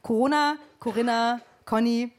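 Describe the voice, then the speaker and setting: A woman's voice: on the high side, steady tone, moderate pace. Chatty woman, stage guest. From Berlin, Germany. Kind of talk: casual stage chat.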